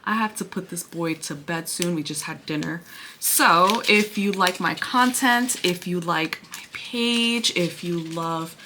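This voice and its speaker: A woman chatting casually through a book review to camera, sounding breathy and out of breath. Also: fairly low pitch, a little slow, background noise. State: out of breath from pregnancy.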